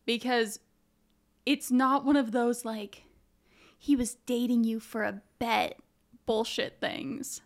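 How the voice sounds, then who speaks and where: A woman co-hosting a podcast in casual chat, quick with asides and often laughing. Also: on the high side, steady tone. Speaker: podcast co-host.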